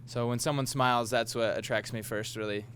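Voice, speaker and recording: A man gives thoughtful, measured answers on a panel. A faint hum sits in the background. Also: mid-range voice, steady tone, fairly bright tone.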